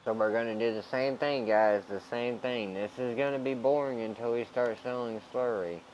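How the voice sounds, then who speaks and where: A man casually commenting on his farming game in a flat, laid-back way, often saying "bro". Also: medium pitch, normal speed, muffled recording, slight background noise. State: hiccups. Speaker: gaming channel host.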